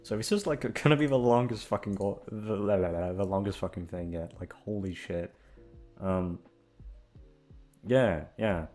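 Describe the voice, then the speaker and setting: Over background guitar music, a young audio channel host chats informally with his audience, wandering from point to point and swearing freely. He speaks at a moderate pace in a fairly low, somewhat dark voice.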